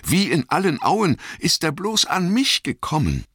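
A man's voice: medium pitch, big pitch swings, moderate pace, sharp tone, no room sound, studio quality, pitched above the performer's own voice. A man voicing a young male hobbit, frightened and bewildered, speaking anxiously with a stammer in an audiobook reading.

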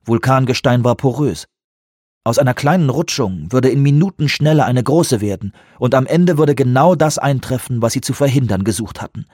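Husky male audiobook narrator. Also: mid-range voice, no echo, clean studio sound. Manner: measured, even storytelling. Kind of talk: scripted narration.

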